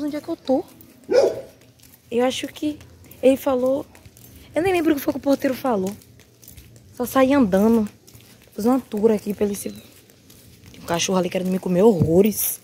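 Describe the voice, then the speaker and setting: A young woman chatting excitedly in a casual vlog, often dropping to whispered asides, filmed on a handheld phone as she walks outdoors and through a big house. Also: on the high side, normal speed, pauses often, slight background noise. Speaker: vlogger. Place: outdoors walking a street, then inside a large house.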